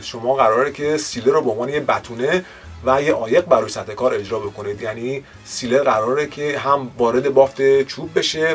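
A man's voice: mid-range voice, slightly rough. A man hosting a woodworking channel, explaining finishing steps patiently and politely in an instructional voice-over. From Iran. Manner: polite, patient explaining with formal courtesy phrases.

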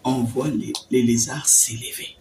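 Older woman, animated testimony storyteller, whispers and laughs, distant mic, faint room noise. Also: rumbling low, unhurried. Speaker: testimony speaker. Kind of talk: telling a personal faith story.

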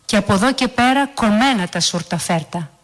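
A woman reads as a wounded middle-aged father in a family story, his words bitter and sharp. She keeps close to her own voice. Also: mid-range voice, lively intonation, close to an everyday voice.

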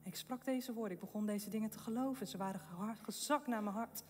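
A woman's voice: mid-range voice, quick pace, slight background noise. A woman giving an emotional testimony at a faith event, telling her story with laughs and broken-off phrases, then rising into fervent preaching. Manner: impassioned, rising to fervent proclamations. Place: event hall with long reverb. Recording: long echo of a large hall.

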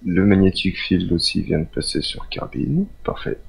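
A man giving casual let's-play commentary, thinking aloud and reading out mission names with halting pauses. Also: deep voice, big pitch swings, vocal fry, breathy edge, poor audio. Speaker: gamer playing a space simulation.

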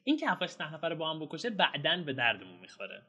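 A young man giving excitable, casual commentary while playing a video game, shouting and groaning at the action. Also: on the high side, breathy edge. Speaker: gameplay streamer. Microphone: home mic with some noise.

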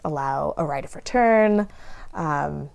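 A woman giving a documentary interview, speaking thoughtfully and haltingly with many pauses. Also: low-pitched, lively intonation, creaky, darkish tone.

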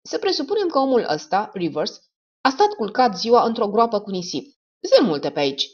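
A woman's voice: mid-range voice, very animated, highs cut off. A woman reading the part of a skeptical male doctor in an audiobook, speaking dryly and with an air of superiority. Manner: dry, superior.

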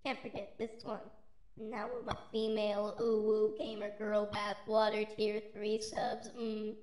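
A man's voice: high voice, completely flat delivery, a little slow, darkish tone, pitched above the performer's own voice. A male streamer using a voice changer that gives him a girly female gamer voice, talking in a mocking way. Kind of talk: live game stream chat.

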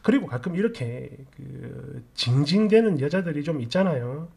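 Gravelly man musing aloud. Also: a little high, expressive, a little mellow. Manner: rambling, thinking aloud with many pauses. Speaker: story channel host. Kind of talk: casual commentary on a reader's story.

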